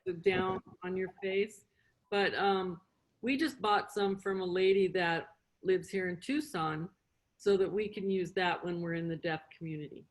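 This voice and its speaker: The audio is poor, but her voice comes through low-ish and steady at normal speed: a middle-aged sign language interpreter and instructor, native in English, giving an informal lesson to beginners. She keeps steps short and simple, repeats points, and checks in with questions.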